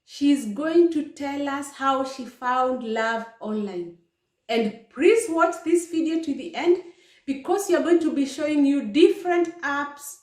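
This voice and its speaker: A woman hosting an interview show, upbeat and talking straight to her viewers. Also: high voice. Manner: upbeat, addresses viewers directly. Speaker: host. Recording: echoey room.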